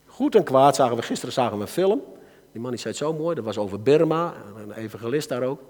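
Male preacher, Dutch accent, mid-pitched, lively sermon delivery, long hall reverb. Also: fast talker. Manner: lively, swings between soft asides and loud exhortation. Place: church hall.

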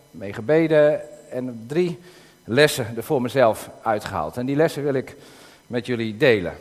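A man giving a sermon, reading a Bible passage aloud and retelling it in a calm, explanatory way with occasional hesitations. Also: medium pitch. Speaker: preacher. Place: church in the north of the Netherlands. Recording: long reverb of a church hall.

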